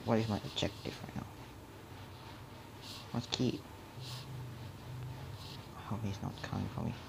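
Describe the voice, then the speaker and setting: A man's voice: on the low side, steady tone, a little slow, creaky, background noise. A man playing a horror game and commenting on it, jumpy and nervous, often dropping to a whisper and muttering mild curses to himself. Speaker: gamer. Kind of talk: horror let's play commentary.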